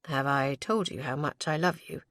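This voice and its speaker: A woman voicing an affectionate young lord, speaking low, wry and murmuring to his new wife. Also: moderate pace, fairly bright tone, no room sound, studio quality. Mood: tender.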